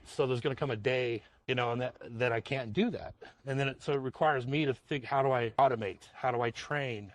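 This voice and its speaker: This Washington state roofing business owner has a mid-range voice captured in a dry recording. Answering an interviewer, he rambles easily, often repeating words and laughing softly.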